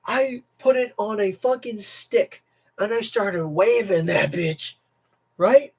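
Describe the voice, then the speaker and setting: Ranting casually to his livestream chat, a young adult American man is emphatic, repetitive, and profane. He has a high, slightly mellow, husky voice with vocal fry, and he speaks slowly.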